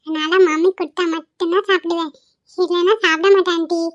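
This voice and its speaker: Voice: very high voice, level tone, brisk, no room sound, lo-fi sound. A voice actor playing a sweet, clever little boy in a cartoon, chirpy, cheeky and polite. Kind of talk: amateur cartoon voice acting.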